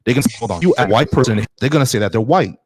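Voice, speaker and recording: Interrupting his callers with repeated words and frequent cries of "hold on, bro," a call-in debate host of Haitian family background pushes hard. His medium-pitched voice is expressive, racing, and edged with breathiness. The studio-quality audio has no echo.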